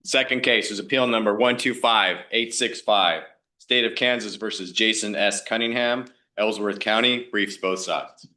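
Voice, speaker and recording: A man reads a court docket as clerk in a formal, official style. His voice is fairly low, with a bright, forceful edge. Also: moderate pace.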